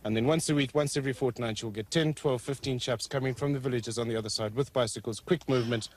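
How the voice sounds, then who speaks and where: A man's voice: mid-range voice, fast. A man working as a game scout, explaining things emphatically in conversation and repeating key words.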